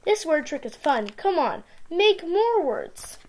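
A woman voicing a cheeky, playful male firefly, excitable and boastful, reading a storybook aloud to young children. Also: extremely high pitch, takes it slowly, pitched above the performer's own voice, heavily acted. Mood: excited.

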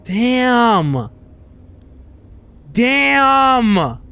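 A young man in his twenties giving casual, joking commentary while streaming a game, with loud outbursts and swearing, on a studio mic. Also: extremely high pitch, sing-song, very slow, gravelly, clean tone, faint music behind. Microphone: studio mic on arm.

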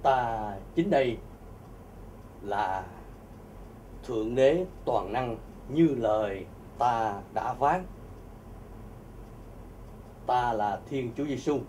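A man voicing a solemn, commanding male deity who speaks slowly and gravely to his followers. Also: medium pitch, lively intonation, darkish tone, far from the mic, a little hiss or hum, pitched below the performer's own voice. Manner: slow, grave and measured.

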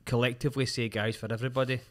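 Male podcast host, Glaswegian, medium pitch, casual, slangy and freely sweary. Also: level tone, rapid-fire. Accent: Glasgow, Scottish. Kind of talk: casual chat. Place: small podcast studio. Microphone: close studio microphone with headphones.

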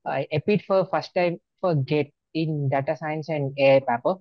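A man's voice: a little high, moderate pace, dry recording. Dull-sounding young man with Telugu accent. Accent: Telugu Indian. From Andhra Pradesh, India. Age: early 20s. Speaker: student exam topper being interviewed. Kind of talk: interview answers on a video call. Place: small plain room indoors. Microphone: wired earphones on video call. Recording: dull lo-fi video-call audio.

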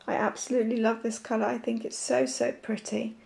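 A woman with a croaky voice from a sore throat, chatting casually and haltingly to camera as a nail art vlogger. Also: on the high side, flat delivery, background noise.

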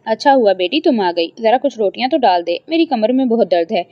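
A woman's voice: a little high, lively intonation, no room sound, natural voice. A woman voicing a loving middle-aged mother who dotes on her daughter, talking tenderly and soothingly. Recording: dry, slightly dull lo-fi.

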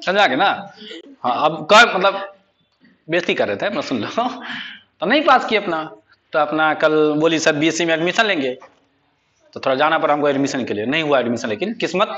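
Joking, bright-voiced Bihari Hindi teacher. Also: male voice, fairly high pitch, dull audio. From Bihar, India. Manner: joking, teasing, chatty. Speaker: spoken English teacher. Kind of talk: casual classroom chat.

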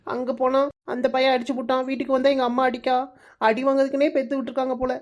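A woman's voice: high voice, little pitch movement, very fast, highs cut off, close to an everyday voice. A woman voicing a sulky, self-pitying young bride-to-be with a southern Tamil Nadu accent. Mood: whiny.

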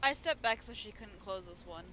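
A woman streamer chatting casually during a ghost-hunting game, loud and profane, yelling taunts at the ghost. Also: mid-range voice, lively intonation, normal speed, muffled recording. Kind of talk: casual gaming chat with friends. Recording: loud background noise.

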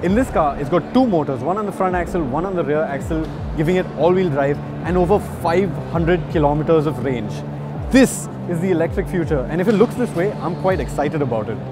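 Casting: man in his thirties, car-show presenter, slightly raised pitch, upbeat explainer over loud music. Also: expressive, a little fast. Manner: upbeat, explanatory, addresses viewers directly. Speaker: motoring journalist presenter. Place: large indoor auto show hall.

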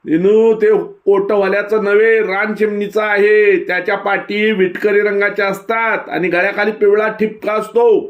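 A man's voice: high voice, level tone, normal speed, hardly any pauses, dull audio, voice pushed up, close to an everyday voice. A man voicing a chatty know-it-all village boy who eagerly explains things to his friends. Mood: explaining.

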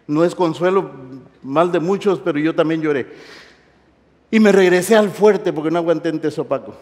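A middle-aged man preaching to university students, animated, swinging from loud exclamations to soft intimate asides. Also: fairly high pitch, moderate pace. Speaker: pastor. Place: large hall. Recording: reverberant hall.

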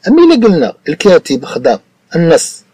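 A man's voice: fairly high pitch, wildly swooping pitch, quick pace, mellow, breathy edge, no echo. A man with a Moroccan Arabic accent, teaching a French lesson patiently, repeating points and checking that the student understands. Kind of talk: explanatory tutoring lesson.

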